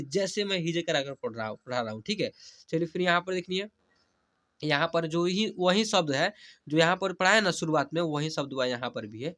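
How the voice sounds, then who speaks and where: A man teaching a Hindi reading lesson, spelling each word slowly syllable by syllable and then saying it whole, often checking in with his students. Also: a little high, a bit bright. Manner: coaxing, checks in with "theek hai?".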